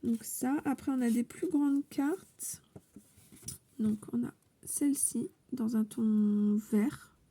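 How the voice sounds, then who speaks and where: Husky, gravelly woman chatting softly. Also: a little high, slow pace. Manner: chatty, hesitant, with many fillers and soft asides; drops to a whisper now and then. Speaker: scrapbooking vlogger opening a contest entry. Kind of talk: casual unboxing chat.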